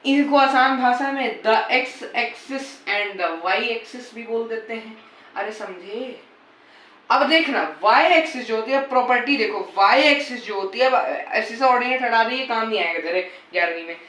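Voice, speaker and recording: A man's voice: very high-pitched, measured pace, pushed and bright, echoey room. A man teaching physics in a casual lecture style. He repeats key points and coaxes and teases his students as he goes. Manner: repetitive, coaxing, teasing the students.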